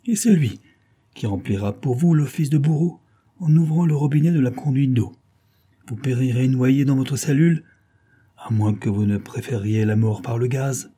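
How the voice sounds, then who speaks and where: A man voicing a boastful gang chief who threatens his captives with loud, sonorous phrases, in a storybook reading. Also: mid-range voice, normal speed, slightly rough, voice pushed up, lightly acted. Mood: mocking.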